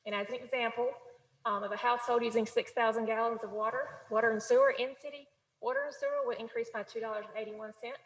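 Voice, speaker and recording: A woman on city staff presenting a budget at a council meeting, reading out figures in a steady, businesslike way. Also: a little high, quick pace. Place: council chamber. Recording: echoey chamber with long reverb.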